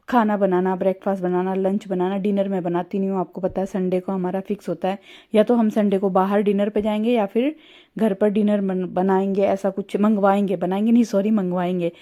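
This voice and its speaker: This home vlog features a woman in her thirties, Rajasthani Hindi accent, keeping up a chatty conversation with viewers while doing chores. She speaks in a mellow, mid-range whisper so her sleeping husband stays asleep.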